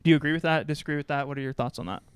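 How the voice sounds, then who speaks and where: Easygoing young man, higher smooth voice. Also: dry recording. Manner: easygoing, agreeable, quick to laugh. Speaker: podcast guest. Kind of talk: casual chat.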